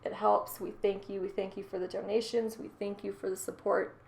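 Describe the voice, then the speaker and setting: A woman's voice: medium pitch, brisk, creaky. A woman with a nasal voice reading financial news articles aloud as a stand-in, then signing off casually and sounding tired. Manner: plain, steady article reading, then loose casual sign-off.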